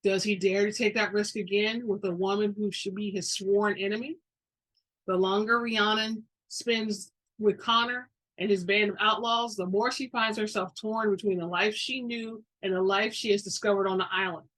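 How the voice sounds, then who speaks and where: A woman's voice: mid-range voice, fairly even intonation, normal speed, fairly bright tone, poor audio. A woman giving a dramatic reading of a story, as an informal amateur narrator who now and then stumbles over a word. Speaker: reader of a romance fantasy novel.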